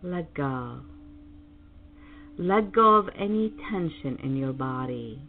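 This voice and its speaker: A woman leading a guided meditation as host, in a calm, soothing, meditative tone. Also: deep voice, slow, slight background noise. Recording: dull lo-fi audio under loud music. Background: loud meditation music with singing bowls.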